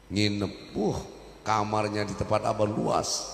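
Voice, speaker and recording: A man's voice: fairly low pitch, flat delivery, a little slow, creaky, a little hiss or hum. A man preaching to a congregation, emotional and impassioned, recorded in a large hall. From Madurese family. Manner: emotional, rising to loud impassioned pleading. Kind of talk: sermon. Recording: echoey hall with long reverb.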